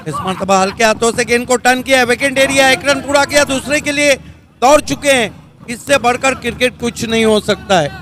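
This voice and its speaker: A man giving excited live ball-by-ball cricket commentary, his voice rising on big shots. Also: extremely high pitch, fairly quick.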